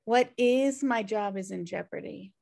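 In a sitcom table read held over a video call from a room at home, a woman voices the sardonic, slacker adult twin sister with a flippant, wisecracking edge. She speaks in a mid-range, slightly mellow voice with vocal fry, at a measured pace.

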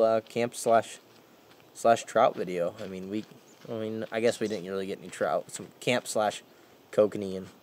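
A man's voice: fairly low pitch, a little mellow, a little hiss or hum. A young man vlogging outdoors on a camping and fishing trip, talking casually to a handheld camera in an easygoing way. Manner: easygoing, laid-back, says "man" and "you know" a lot. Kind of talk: casual vlog narration. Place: outdoors at a lake and campsite. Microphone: camera held at arm's length.

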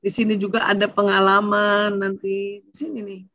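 A middle-aged woman giving a religious parenting seminar, lively, often posing questions to herself in her listeners' voice before answering them. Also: mid-range voice, normal speed, no room sound, lo-fi sound. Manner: animated, asks herself questions in the audience's voice.

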